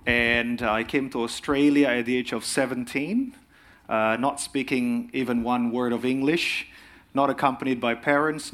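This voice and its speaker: A middle-aged man from Indonesia, giving an earnest sermon as a guest speaker, pausing often with fillers. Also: medium pitch, fairly bright tone. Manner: earnest, frequent filler pauses. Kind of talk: sermon presentation.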